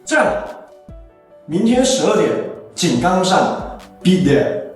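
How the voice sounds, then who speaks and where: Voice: medium pitch, sing-song, slow pace, far from the mic. An actor playing a stern, exasperated Communist Party mentor. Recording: very echoey room, off-mic, faint music.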